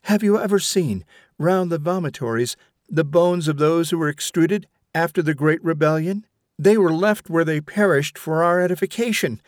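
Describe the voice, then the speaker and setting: A man's voice: on the high side, normal speed, no room sound, studio quality, pitched above the performer's own voice, lightly acted. A man reading aloud as a stern elderly woman devoted to the machine, who lectures with insistent rhetorical questions. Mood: reproachful. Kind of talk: audiobook reading.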